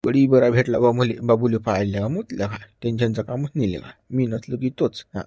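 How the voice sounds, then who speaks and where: A man's voice: medium pitch, a little fast, warm tone, husky, no echo. Chiding village man. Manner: lecturing, chiding, with frequent "hm?" prompts. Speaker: cartoon character voice. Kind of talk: comic village banter.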